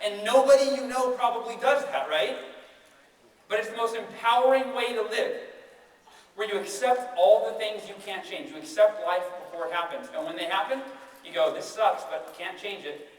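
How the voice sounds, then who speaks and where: Young male motivational speaker, high-pitched and chatty, in an echoey hall. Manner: energetic, conversational, tags lines with "right?". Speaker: keynote speaker. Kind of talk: motivational keynote storytelling. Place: large hall with audience. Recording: echoey hall, distant mic, faint noise.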